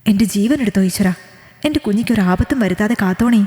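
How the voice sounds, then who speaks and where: A woman's voice: mid-range voice, quick pace, mellow, close to an everyday voice. A woman voicing an anxious young woman student who pleads with worried questions about her friend. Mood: praying. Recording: echoey room with long reverb.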